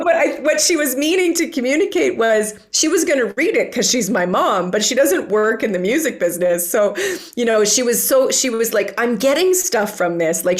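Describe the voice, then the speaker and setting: A woman, a music coach and author, talking enthusiastically in a podcast interview, full of restarts and eager asides. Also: mid-range voice. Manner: enthusiastic, animated storytelling with many restarts.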